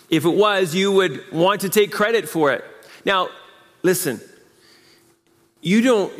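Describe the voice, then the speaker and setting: A male pastor delivers a sermon, emphatic and conversational, tossing out rhetorical questions and repeating key phrases. His voice sits a bit higher than most men's. A long reverb trails his words around the church hall. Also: a bit bright.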